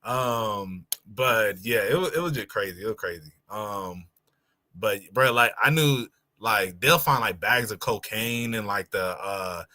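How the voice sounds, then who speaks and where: Male co-host, casual anecdotes, bright dry voice, filler-heavy. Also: on the low side, measured pace, dry recording. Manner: loose storytelling, many fillers. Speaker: podcast co-host. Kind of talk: casual chat.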